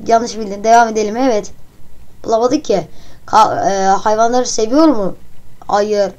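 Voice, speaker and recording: A woman's voice: on the high side, fairly even intonation, moderate pace, a little mellow, highs cut off. A woman hosting her own channel, casually talking through a guessing game while giggling and joking crudely. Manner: giggly, answers questions aloud and jokes crudely.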